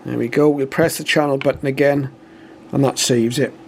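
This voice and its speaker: With a medium pitch, vocal fry and fairly even intonation, this British radio reviewer speaks at a moderate pace while casually demonstrating a product step by step. The tone is matter-of-fact, and slight background noise is present.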